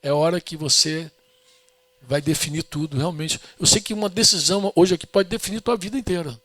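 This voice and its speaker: Man, middle-aged, Brazilian Portuguese accent, sermon, storytelling, fairly high voice, dry sound. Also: steady tone, brisk, fairly bright tone, dry recording. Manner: earnest, storytelling, frequent "amém?" to the congregation. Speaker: preacher.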